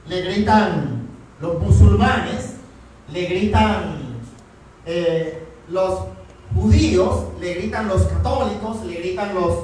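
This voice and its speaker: A man's voice: high voice, dark tone, a little hiss or hum. A man preaching a sermon as a pastor, often asking his listeners rhetorical questions. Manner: asks the congregation rhetorical questions. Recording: echoey church hall from far off.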